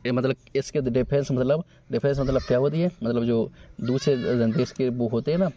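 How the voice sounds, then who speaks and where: A man teaching English grammar to a room of students, in a mellow, warm voice. He keeps asking the class questions and waiting on their answers. The recording is dull and lo-fi. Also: medium pitch, steady tone, moderate pace. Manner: explains in question-and-answer style, checks with students. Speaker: coaching teacher. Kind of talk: classroom exam-paper walkthrough.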